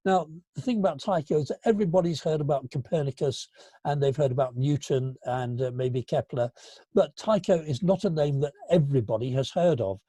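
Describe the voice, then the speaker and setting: A man in his seventies giving an illustrated lecture to an astronomy club, halting and full of fillers, with a dry, gentle humour. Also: fairly high pitch, husky, dry recording. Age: 70s. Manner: halting, with frequent fillers and restarts. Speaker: guest speaker at an astronomy club.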